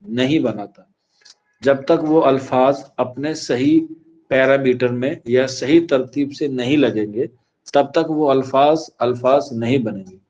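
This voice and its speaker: A male teacher giving an exam-prep lecture. He asks the class questions and answers them himself, and he repeats key phrases slowly for dictation. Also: medium pitch, darkish tone, highs cut off.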